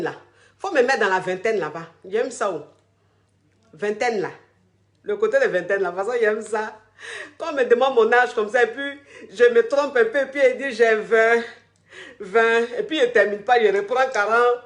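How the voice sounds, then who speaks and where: This livestream advice chat features a woman with a voice on the high side, recorded with a roomy sound. She coaches callers in a crude, teasing manner, often laughing and going over the same points again and again.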